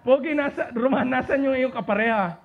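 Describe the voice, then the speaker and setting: Man, very high voice, seminar speaker, teasing, calls on listeners, dull lo-fi recording. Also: normal speed. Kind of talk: lecture on communication to a live group.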